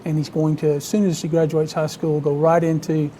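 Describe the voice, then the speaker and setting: A man with a Southern US accent from Alabama, telling stories conversationally as an interview guest, in a halting, measured way with frequent pauses. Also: on the high side, flat delivery, warm tone, a little hiss or hum, low-quality recording. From Alabama, United States. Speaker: interview guest, vintage biplane owner and pilot.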